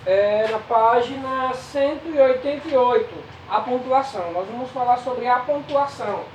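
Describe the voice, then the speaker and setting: A Brazilian woman teaching a grade-school class, pausing with drawn-out fillers between phrases. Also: on the high side, recorded from a distance, slight background noise. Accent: Brazilian Portuguese. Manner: slow, hesitant, many drawn-out fillers. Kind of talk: recorded remote lesson. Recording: echoey room, voice off-mic.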